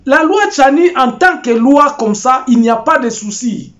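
A man's voice: extremely high pitch, moderate pace, highs cut off. An older Congolese man giving political commentary to camera from a small home office, gesturing and restarting his words. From Congo (DRC). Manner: animated, gesturing, with many repeats and restarts.

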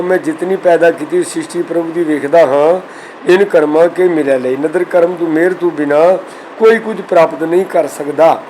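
A man from Punjab explaining the correct pronunciation and meaning of scripture verses, slowly reciting each verse between explanations. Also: on the high side, darkish tone, a little hiss or hum, rough recording. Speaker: Sikh scripture teacher.

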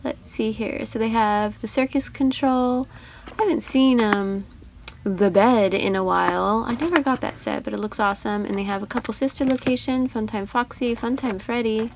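Casual female toy vlogger, easily delighted, a little fry in the voice, store noise faint. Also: fairly high pitch, normal speed. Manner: chatty, easily delighted, gushing over toys. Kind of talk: casual toy-hunt commentary.

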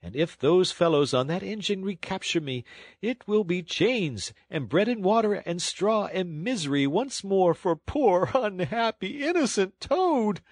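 A man voicing a boastful, excitable male toad who pleads and makes excuses in a theatrical way, in a husky voice. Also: normal speed, no echo, clean studio sound. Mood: desperate pleading. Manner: pleading, high-strung and theatrical. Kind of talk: audiobook storytelling.

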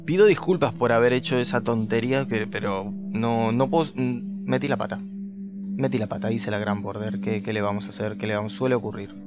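A man giving let's play commentary, talking to viewers and shooting up in pitch when startled. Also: fairly quick, highs cut off, over loud music. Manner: excitable, talks to viewers, jumps high when startled. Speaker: gaming video host.

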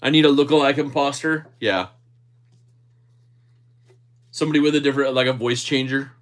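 A man with a medium-pitched voice hosts a casual livestream. He reads out and answers comments in a relaxed, conversational way, joking as he goes. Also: normal speed. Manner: jokey, easygoing. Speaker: livestream host.

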